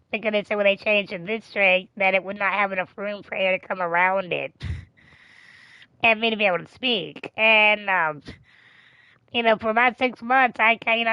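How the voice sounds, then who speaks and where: Candid woman streamer, smooth dull-toned voice. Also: medium pitch, no room sound. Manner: chatty and candid, swears freely, laughs often. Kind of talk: casual storytelling on a live stream.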